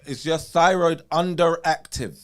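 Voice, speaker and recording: A man's voice: a little high, a little slow, a crowd in the background. A man hosting a wellness consultation over a video call, explaining things in a casual way and often checking in with "you know" and "right?". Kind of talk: casual advisory chat.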